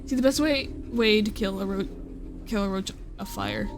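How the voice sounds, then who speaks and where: At normal speed and in a mid-range voice, a young woman talks over music on her live stream. Her chat is casual and rambling, peppered with swearing, laughs, and abrupt self-interruptions.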